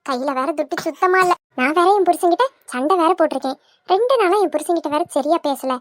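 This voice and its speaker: A woman's voice: sits high, fast talker, slight background noise, lightly acted. A woman voicing a cunning young wife who sweet-talks and pleads, for a cartoon. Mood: worried. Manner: wheedling, pleading, sugary. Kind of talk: cartoon voice acting.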